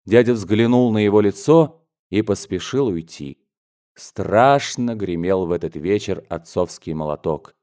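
A man reading a classic novel aloud as an audiobook narrator, in a steady, dramatic storytelling manner. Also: lowish voice, unhurried. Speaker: audiobook reader.

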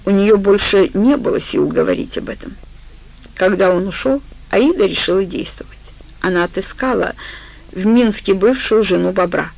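Woman reading an audiobook, gravelly voice, steady mid pitch. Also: normal speed, poor audio. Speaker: audiobook narrator. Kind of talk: scripted audiobook narration.

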